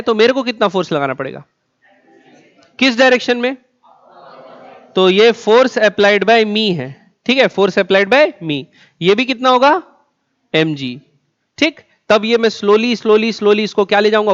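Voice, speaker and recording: A man's voice: high-pitched, lively intonation, moderate pace. A man teaching a physics class, asking the students questions and answering them himself, stretching words out and repeating key terms. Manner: drags out words for emphasis. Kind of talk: classroom lecture. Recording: dull lo-fi sound.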